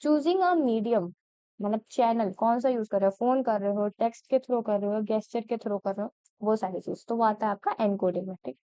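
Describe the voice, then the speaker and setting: A woman's voice: fairly high pitch, normal speed, dark tone, smooth, no echo. A young woman teaching an exam-prep lesson, mixing in English terms and checking in often with her students. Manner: chatty Hindi-English code-switching, checks with frequent "theek hai?".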